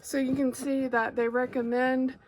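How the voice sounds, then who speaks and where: A woman's voice: high-pitched, little pitch movement, normal speed, darkish tone, a little hiss or hum, rough recording. A woman with an Arkansas Southern accent chats casually and a little hesitantly as she hosts an unboxing video, recorded on an overhead phone. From Arkansas, United States. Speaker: craft creator, unboxing host. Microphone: phone mounted overhead on a clamp.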